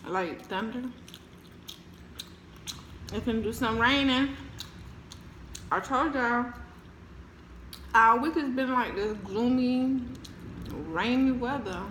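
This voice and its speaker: A woman's voice: a little high, slow, long pauses, fairly bright tone. American woman chatting through crunchy snacks, roomy echo. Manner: chatting between bites while crunching chips and ice; informal, repeats phrases for emphasis. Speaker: mukbang vlogger. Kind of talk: casual chatty eating show. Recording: roomy echo, faint background noise.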